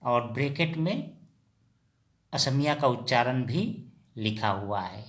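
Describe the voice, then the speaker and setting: A man teaching vocabulary in Hindi, repeating each word slowly and asking and answering his own questions as he addresses viewers as friends. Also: medium pitch, lively intonation, fairly bright tone. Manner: slow and repetitive, drills each word. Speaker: language teacher.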